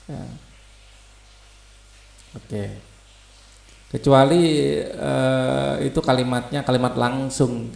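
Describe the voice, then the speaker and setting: A man's voice: medium pitch, gravelly, a little mellow, reverberant. A male teacher, reading textbook passages aloud and explaining them in loose asides.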